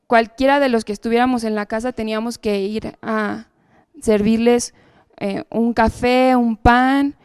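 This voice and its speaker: A woman's voice: fairly high pitch, darkish tone, smooth, no room sound. A woman giving a personal testimony at church, telling her story earnestly and often checking in with the audience. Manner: earnest storytelling with frequent tag questions.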